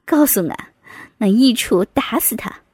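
A woman voicing a blunt, hot-tempered sworn brother in a storybook, speaking loudly and roughly. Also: a little high, animated, unhurried, no echo, clean studio sound, pitched below the performer's own voice. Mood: blustering. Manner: loud, blustering.

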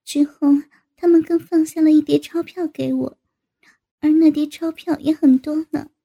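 A woman voicing a shy young woman who confides to a friend in a hesitant, halting way. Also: sits high, steady tone, creaky. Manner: hesitant, halting, soft-spoken. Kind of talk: adult audio story reading.

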